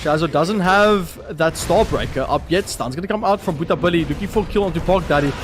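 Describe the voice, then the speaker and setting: A young man casting esports play-by-play, animated and quick to laugh. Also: a little high, background noise. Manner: animated, laughs often, rising excitement on plays. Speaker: esports caster.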